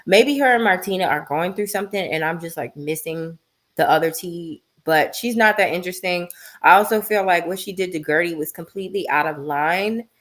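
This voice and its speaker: A woman's voice: on the low side, brisk, a bit bright. A woman hosting a casual, blunt and gossipy recap of a reality TV show, talking with slang and lots of fillers.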